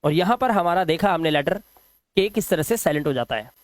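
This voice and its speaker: A man teaching pronunciation rules in a patient, step-by-step classroom style, repeating examples slowly. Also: a little high, lively intonation, no room sound. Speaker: English teacher. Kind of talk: classroom-style lesson explaining silent letters.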